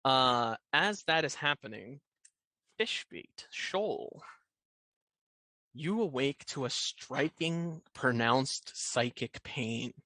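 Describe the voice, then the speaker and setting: A man's voice: mid-range voice, lively intonation, sharp tone, dry recording, poor audio. Man narrating as game master. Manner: descriptive, measured scene-setting.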